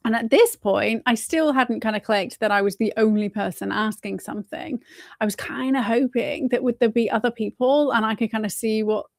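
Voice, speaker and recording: A woman's voice: fairly high pitch, normal speed, vocal fry, darkish tone, dry recording, studio quality. A woman from England, hosting a live stream in a rambling, casual way, swearing often and asking "right?" after her points. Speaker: host.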